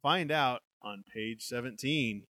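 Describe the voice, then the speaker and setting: A young man co-hosting a show reads a gamebook aloud, bantering and laughing often. His medium-pitched voice is slow, bright and forceful, recorded with clean studio sound and no echo.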